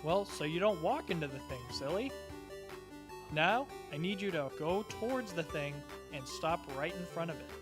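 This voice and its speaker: A man's voice: a little high, expressive, natural voice. A man playing a cheerful disembodied male voice that patiently and encouragingly teaches in a parody instructional video. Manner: slow, simple, encouraging, talking as if to a child. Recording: music playing behind the voice. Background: music.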